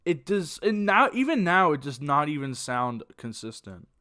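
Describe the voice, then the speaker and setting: With a slightly high, sharp, sing-song voice at normal speed, a late-teen streamer chats casually from home as he reacts to videos. He uses a desk mic and tends to ramble, packing his talk with fillers and correcting himself often.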